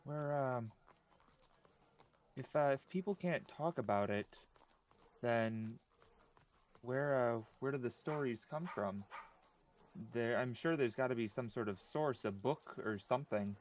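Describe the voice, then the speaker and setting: A man's voice: mid-range voice, a little slow, pauses often, slight background noise. A man talking casually as a player in a tabletop game. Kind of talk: casual chat.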